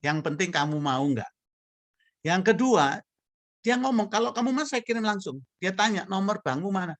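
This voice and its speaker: A man's voice: high voice, expressive, normal speed, dry recording. A male pastor, preaching and telling a story, acting out the dialogue and laughing often. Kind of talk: sermon storytelling.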